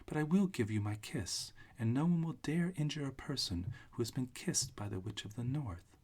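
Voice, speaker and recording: A man's voice: medium pitch, lively intonation, normal speed, darkish tone, slightly rough, voice pushed up. A man voicing a kindly, solemn little old woman, a good witch in a storybook read-aloud. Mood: kindly, earnest.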